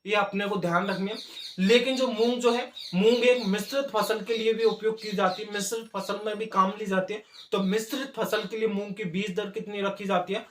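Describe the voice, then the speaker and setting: A man teaching an agriculture exam class, dictating notes and repeating key terms slowly. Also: sits high, steady tone, a bit bright, reverberant.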